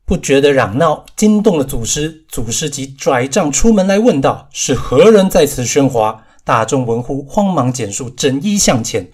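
A man narrating a classical novel as an audiobook, in a measured storytelling manner that slows for verses. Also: mid-range voice, very animated, breathy edge.

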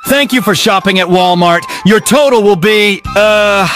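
A man's voice: high-pitched, unhurried. A man voicing a tired, irritable store cashier in a comedy skit, with worn-out customer-service patter. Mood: weary, polite. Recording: loud music behind.

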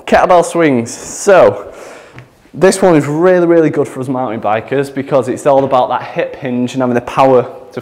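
A man's voice: mid-range voice, darkish tone. Man, out of breath, fitness coach explaining exercises, chatty, long gym echo. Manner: chatty, instructive, laughs at himself. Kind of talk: gym workout demonstration. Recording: echoey gym with long reverb.

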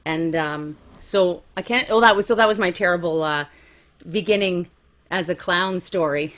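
A woman's voice: lowish voice, moderate pace, a bit bright. A woman in her forties, a comedian guest telling stories about her career in a frank, self-mocking way and laughing easily. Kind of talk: candid conversational storytelling.

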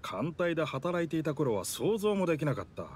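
A man's voice: on the high side, sing-song, very fast, darkish tone, slight background noise. A man voicing a hearty, boastful male sea creature in a video game who offers to ferry the heroes. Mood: jovial. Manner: boastful, jovial.

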